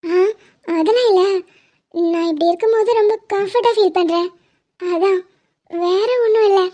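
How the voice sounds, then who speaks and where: A woman voicing a playful, teasing pregnant young wife in an animated cartoon. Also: very high voice, moderate pace. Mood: playful bossy. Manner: teasing, bossy, affectionate.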